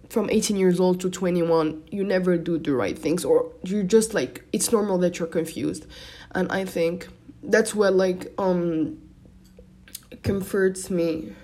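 A woman's voice: medium pitch, a little mellow. Hesitant young woman. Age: young adult. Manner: hesitant, many fillers and restarts. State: slightly shaky voice. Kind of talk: casual personal vlog.

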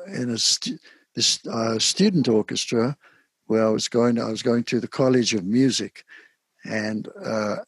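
An older man from South Africa with a husky voice talks in a soft, halting way, pausing often between thoughts. His voice sits in a middle register. The recording is close and dry, with no room sound. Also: medium pitch, no room sound. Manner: soft-spoken, halting with frequent pauses. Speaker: guest saxophonist. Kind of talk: casual interview.

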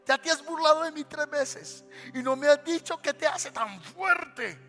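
A man's voice: very high voice, measured pace, bright, forceful tone, pitched above the performer's own voice, exaggerated voice. Delilah, a pouting manipulative woman, put on by a preacher. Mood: accusing. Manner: pouting, wheedling, reproachful. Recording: long church reverb, faint music.

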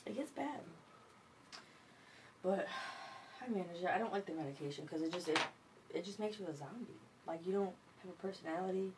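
Her voice is lowish, animated and a little fast, with frequent pauses against a noisy background and music. She's a young Michigan vlogger in casual late-night conversation, rambling, profane and full of fillers.

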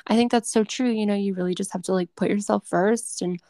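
A young American woman from Massachusetts, with at most a faint trace of that accent, hosts a casual podcast chat in an effusive, encouraging, informal way. Her voice is mid-range, steady, warm, and a little fast, recorded at studio quality with no echo.

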